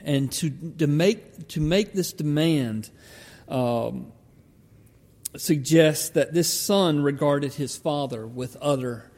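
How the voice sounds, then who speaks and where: A male pastor with a Southern Georgia drawl preaches a sermon in a halting, deliberate manner with frequent pauses. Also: a little high, darkish tone. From Georgia, United States. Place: large church hall, preaching to a congregation. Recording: reverberant church hall.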